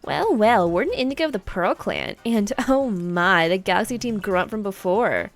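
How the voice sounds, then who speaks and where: A woman's voice: mid-range voice, animated, normal speed, soft background music, lightly acted. A woman voicing a haughty young female clan noble in a video game, with a pompous Valley Girl drawl.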